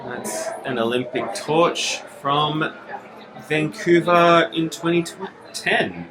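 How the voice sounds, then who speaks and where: A man's voice: fairly high pitch, slow, a crowd in the background. A man vlogging while walking outdoors through a mountain park, chatty and joking, laughing often. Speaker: travel vlogger. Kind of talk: casual vlog commentary. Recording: outdoor noise behind.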